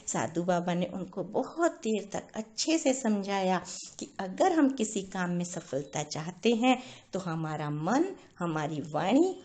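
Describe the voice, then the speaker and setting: A woman narrating a moral story, calm and explanatory, speaking directly to her listeners. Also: fairly low pitch.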